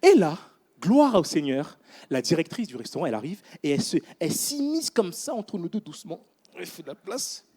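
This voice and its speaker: Animated man preaching a sermon. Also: sits high, a little fast, husky. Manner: animated storytelling with casual asides. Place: church.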